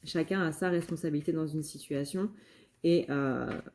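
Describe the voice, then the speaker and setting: Mellow, low-voiced woman reading tarot cards. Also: normal speed. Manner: hesitant, many fillers and restarts. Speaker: tarot reader and medium. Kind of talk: casual channeled card reading.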